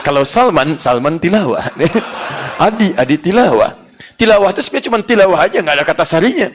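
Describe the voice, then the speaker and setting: Animated high-pitched male preacher. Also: quick pace, slight background noise. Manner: animated, swings from hushed earnest to loud playful. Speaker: Islamic preacher. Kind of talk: lively religious lecture.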